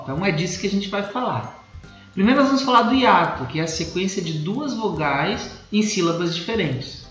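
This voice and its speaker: A Brazilian Portuguese-accented male teacher with a high, lively voice, explaining step by step and checking in with his class often. The recording is dull and lo-fi, with a roomy echo and faint music underneath. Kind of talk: recorded grammar lesson.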